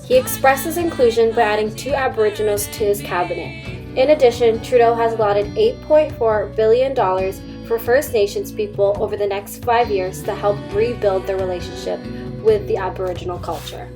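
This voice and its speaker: A young woman reads a documentary script in an earnest, steady way. Her voice sits at an ordinary pitch, and a clear music bed runs under it. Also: moderate pace. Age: young adult. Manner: earnest, read-aloud delivery. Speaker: student narrator.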